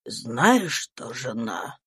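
A woman reading an audiobook voices a mild middle-aged husband, speaking low, slow and hesitant. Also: sing-song, fairly bright tone, breathy edge, heavily acted. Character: mild middle-aged male household head.

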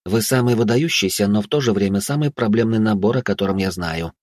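An exasperated young woman head of students begs her friends to behave, voiced by a man reading a storybook. The voice sits higher than his own and pleads. The recording is dry and close. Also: quick pace, a little mellow, no room sound, close to an everyday voice. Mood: pleading. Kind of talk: audiobook character voice.

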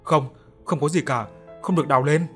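A frightened, stubborn old village woman cries out in a shrill, panicked voice in an audio story. A man plays her, raising his pitch. Soft music sits faintly behind. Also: normal speed, lightly acted.

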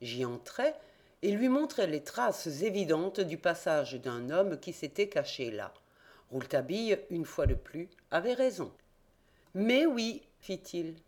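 A woman reading a classic detective novel aloud as audiobook narration. Her voice sits a little low, with a lively, expressive intonation that moves a lot. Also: measured pace.

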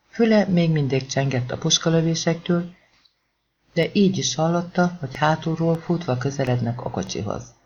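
A man narrating an audiobook in a tense, dramatic way, voicing the shouted lines of the characters himself. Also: on the high side, gravelly, lo-fi sound, slight background noise.

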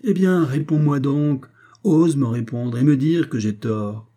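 A man reading an audiobook, voicing a domineering middle-aged billionaire father who speaks forcefully and reproachfully. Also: medium pitch, moderate pace, breathy edge, close to an everyday voice. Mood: exasperated. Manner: forceful, reproachful, rising to emphatic outbursts.

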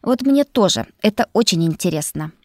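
A woman's voice: medium pitch, expressive, moderate pace, dry recording, clean studio sound, close to an everyday voice. A woman voicing a grumpy, strict female faculty keeper who scolds and scoffs. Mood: sullen. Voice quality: scolding, sharp and sceptical. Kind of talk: audiobook character voice.

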